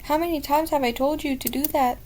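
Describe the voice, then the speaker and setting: A woman's voice: high-pitched, steady tone, fairly quick, a little mellow, a little hiss or hum, lightly acted. A woman voicing an impatient inn boss scolding a shy worker in a game. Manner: scolding, exasperated.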